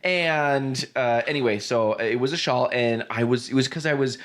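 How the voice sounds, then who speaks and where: A man's voice: medium pitch, normal speed, a bit bright. A man in his thirties, a guest co-host who trades playful, teasing jokes in casual podcast banter.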